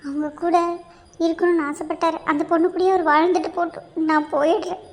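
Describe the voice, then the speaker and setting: A woman's voice: very high voice, steady tone, a little fast. A woman voicing a remorseful young pregnant wife in a cartoon, talking in a tearful, pleading, self-blaming way. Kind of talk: amateur cartoon voice acting.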